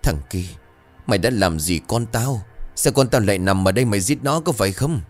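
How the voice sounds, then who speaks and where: A man's voice: lowish voice, animated, a little fast, faint music behind. A man voicing a grief-stricken older mother who wails frantically in a spoken ghost story. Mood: furious.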